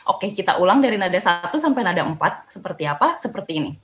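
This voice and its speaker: A woman's voice: lowish voice, very animated, quick pace, a bit bright, echoey room. A young woman teaching a beginner Mandarin lesson online, chatty and cheerful, sounding out tones aloud.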